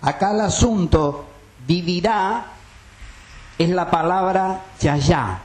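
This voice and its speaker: A man's voice: high-pitched, takes it slowly, a little mellow. A man preaching a sermon, emphatic and quizzing his listeners with rhetorical questions.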